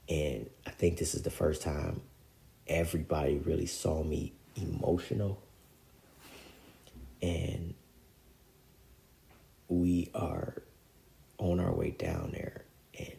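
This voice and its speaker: A man with a very deep, gravelly voice tells a personal story in loose, slangy talk. His tone is dark and mellow, and it sinks toward a hush when the story gets heavy. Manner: emotional, drops to near-whispers in heavy moments; casual street slang, repeats filler phrases.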